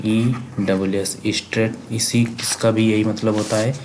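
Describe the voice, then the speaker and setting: Low, flat-voiced Indian man teaching vocabulary. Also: a little slow, slight background noise. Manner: repetitive, asks and answers his own questions. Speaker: exam prep teacher. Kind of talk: vocabulary lesson, spelling words aloud letter by letter.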